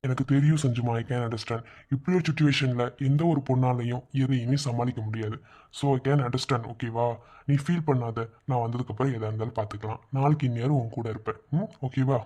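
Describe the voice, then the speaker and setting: A man's voice: mid-range voice, steady tone, fairly quick, warm tone, natural voice. A man voicing a teasing, reassuring young husband. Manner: teasing, coaxing. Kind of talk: cartoon voice acting.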